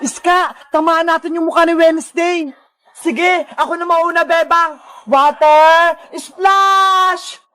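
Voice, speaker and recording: Very high-pitched excited cartoon kid, voiced by a woman. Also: normal speed. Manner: excited, shouting, high-energy. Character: frightened little girl Princess and her friends. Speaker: voice of all cartoon characters. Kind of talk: children's cartoon voice acting.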